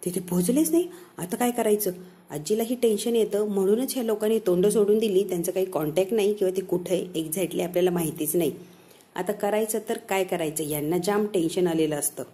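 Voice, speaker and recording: Mellow-voiced woman retelling a serial. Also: medium pitch, fairly quick. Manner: storytelling, animated quoting of characters. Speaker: TV serial recap narrator.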